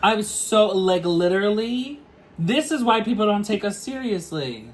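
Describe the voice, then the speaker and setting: A co-host tearing into songs in a casual review chat, with a voice at a middle pitch. The delivery is blunt, dramatic and full of swearing. A faint layer of room noise hums underneath. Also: animated, a little slow.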